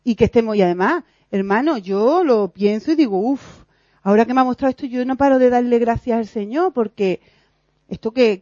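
A woman's voice: on the high side, warm tone, dry recording. Woman lay teacher, earnest church talk, quotes her own fretting, dull lo-fi dry recording. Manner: laughs at herself.

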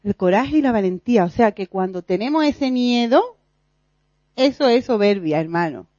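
A woman's voice: fairly high pitch, expressive, moderate pace, mellow, no room sound, dull audio. Earnest woman giving church teaching. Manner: earnest and confessional, acts out her own fretting aloud; laughs at herself. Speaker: lay teacher in a church group. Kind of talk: religious teaching talk.

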